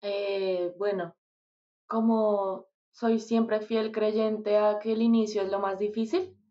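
A woman answers questions in a casual interview. She speaks softly and hesitantly, pausing on fillers. Her voice comes through a slightly dull, muffled recording. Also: medium pitch, flat delivery. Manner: soft-spoken, hesitant, fillers. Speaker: guest.

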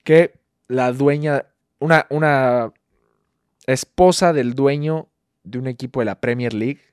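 A man's voice: mid-range voice, measured pace, clean tone, no echo, studio quality. A young adult man with a Mexican accent, co-hosting a casual podcast chat, profane and teasing. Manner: profane, teasing, animated storytelling. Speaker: podcast co-host.

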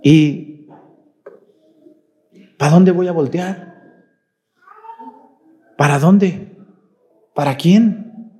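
Folksy priest preaching. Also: male voice, on the high side, extremely slow, pauses often, mellow. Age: 40s. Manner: questioning the congregation directly, folksy. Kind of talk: sermon at Mass.

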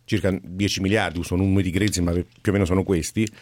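Male studio pundit, low register, conversational explanations, dry close recording. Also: steady tone, fast, a little mellow, no echo. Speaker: studio guest, football business expert. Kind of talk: conversational expert opinion.

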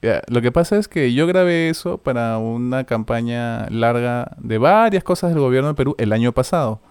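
A man's voice: mid-range voice, animated, normal speed, darkish tone, clear, resonant tone, no echo. A man in his forties with a Peruvian Spanish accent, a voice-over announcer chatting casually in a rambling way. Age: 40s. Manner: easygoing, rambling, tags lines with "¿no?". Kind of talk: casual chat.

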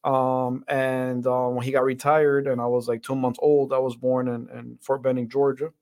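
A man from the Dominican Republic, a guest on a podcast, reflecting earnestly on his views. His voice sits at a middle pitch but stays fairly flat, and he often circles back with fillers and repeated words. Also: normal speed. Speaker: podcast guest, center director. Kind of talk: interview conversation.

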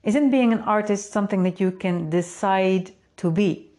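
A native Dutch speaker with a Dutch accent talks at a moderate pace in a mid-range, slightly mellow voice. She's an artist and community host giving a reflective solo talk to her creative community, thinking things through with rhetorical questions and frequent "right?"s.

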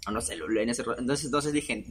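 A man's voice: medium pitch, fast, a little hiss or hum. A young man, hosting a podcast and telling a personal story in a chatty, self-mocking way, often laughing between phrases. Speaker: podcast host. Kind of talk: casual storytelling monologue.

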